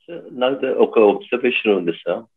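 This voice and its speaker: A man speaking in a halting, drawn-out way over a bad connection on a video call, his voice breaking up. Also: mid-range voice, lively intonation, breathy edge. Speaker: participant in a discussion group. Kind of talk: online group discussion. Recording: tinny, choppy call audio.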